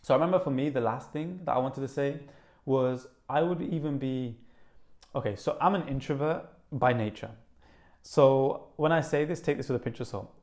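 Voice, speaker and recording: A young man with a Birmingham accent, talking fast and eagerly to camera as a wellness vlogger, with lots of "like" fillers. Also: mid-range voice. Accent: Birmingham (Brummie). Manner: fast, excited, animated, with many "like" fillers. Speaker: wellness YouTuber. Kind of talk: casual vlog talk to camera.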